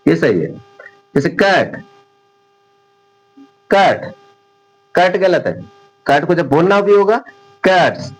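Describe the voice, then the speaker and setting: Man, Hindi speaker, grammar teacher, slightly high voice, repeats words, firm corrections. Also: a little mellow, breathy edge, poor audio. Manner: repeats words patiently, corrects mistakes firmly. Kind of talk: classroom-style grammar lesson.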